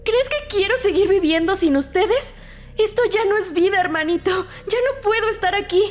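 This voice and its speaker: A heartbroken young sister. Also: female voice, high voice, unhurried, a little mellow, in a large hall. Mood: tearful. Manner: pleading, tearful. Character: desperate young woman, the narrator's grieving sister. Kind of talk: horror audio drama.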